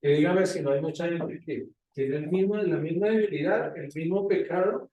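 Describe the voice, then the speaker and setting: A man's voice: fairly high pitch, moderate pace, narrow, tinny audio. A male pastor preaching a sermon, questioning his congregation as he teaches. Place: church hall. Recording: echoey hall from far off.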